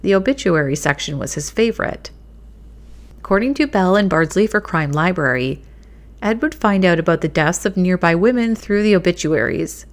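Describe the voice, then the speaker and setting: Woman narrating true crime, slightly low voice. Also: expressive, normal speed.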